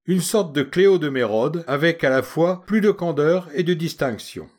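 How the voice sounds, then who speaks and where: A man reading a literary short story aloud with an expressive, ironic manner. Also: on the high side, normal speed. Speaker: narrator.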